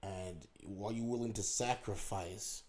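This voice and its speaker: A man with a lowish, slightly mellow voice talks at a measured pace in a casual, reflective monologue for YouTube. He keeps asking the viewer rhetorical questions, circles back over his own phrasing, and speaks in loose restarts and repetitions.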